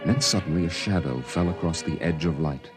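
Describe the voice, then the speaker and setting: In a vintage radio drama, a man with a low-sitting voice plays a somber storyteller recalling his boyhood on Mars. His first-person narration is measured, dramatic and lightly acted, with a tense mood and dramatic music behind him.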